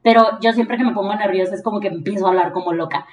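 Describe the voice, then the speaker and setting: Young woman host with a lively storyteller's delivery who acts out quoted people, recorded a bit far from the mic. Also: mid-range voice, fast. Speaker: podcast host. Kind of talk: casual personal storytelling. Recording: echoey room, voice off-mic.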